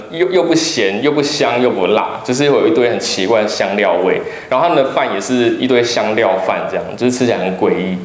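A man in his thirties from Taiwan with a Taiwanese Mandarin accent, giving a chatty, joking talk to an audience. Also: mid-range voice. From Kaohsiung, Taiwan. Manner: chatty storytelling, jokes with the audience. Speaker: public lecturer, travel writer. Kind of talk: humorous public talk with slides. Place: lecture hall. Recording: roomy hall with faint background noise.

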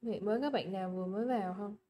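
A woman's voice: mid-range voice, rapid-fire, mellow. A young woman teacher with a Vietnamese accent, leading a livestream English exam review in a chatty, coaxing way, repeating words and checking that students keep up.

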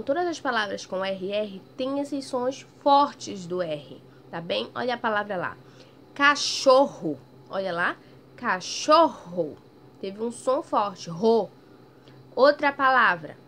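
A woman teaching a primary school class in a recorded lesson, speaking patiently, drawing out example words loudly and checking in often. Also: mid-range voice, slight background noise. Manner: ends phrases with "tá bem?" checks. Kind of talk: recorded remote lesson for children.

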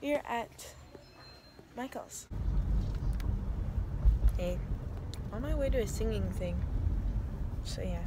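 A teenage girl vlogging her school day, chatting brightly to her phone camera with lots of giggles. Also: medium pitch, heavy background noise. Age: teens. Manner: bubbly, giggly narration to the camera. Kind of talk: casual daily vlog. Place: busy school hallways and classrooms. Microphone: phone held at arm's length. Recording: phone audio with loud crowd and music. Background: loud chatter of students and music.

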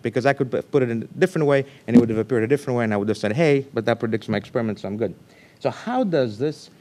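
A man giving a scientific talk at a conference in a lecture room, speaking loosely with restarts and sudden animated bursts of emphasis. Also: mid-range voice.

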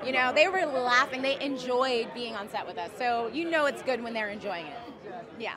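A woman in her thirties, an actress, speaks at normal speed in a somewhat high voice. She gushes bubbly excitement into a handheld mic during an outdoor red carpet interview, with crowd chatter behind her.

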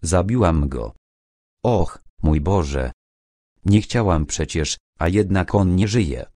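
Man doing a young woman as priestess, solemn, chanting, ominous, low voice, lively melody. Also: slow, no room sound, studio quality, heavily acted. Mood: horrified.

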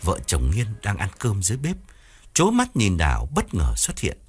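A man narrating a ghost story audiobook in an expressive, dramatic way, with soft music behind. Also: fairly low pitch, normal speed, slightly rough.

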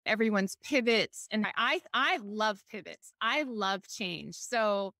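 On a podcast, a middle-aged Honolulu woman who is an entrepreneur and author tells stories in a chatty, conversational way, full of enthusiasm and frequent laughter. She has a medium pitch, lively intonation, and a sharp tone, and takes a slow pace. There is no room sound.

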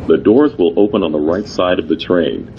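A man giving recorded train and station announcements in a measured, formal way. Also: lively intonation, lo-fi sound. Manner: measured, formal, evenly spaced phrases. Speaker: transit announcer. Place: on subway trains and platforms. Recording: announcements captured over rumbling train noise.

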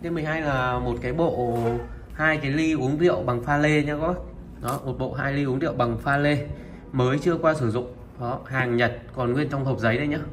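Item after item, a man with a medium-pitched voice presents used Japanese goods for sale, steady and repetitive, beginning almost every line with a pointing word. He speaks to viewers in a familiar way and fills pauses with filler sounds, and the recording carries a little hiss or hum.

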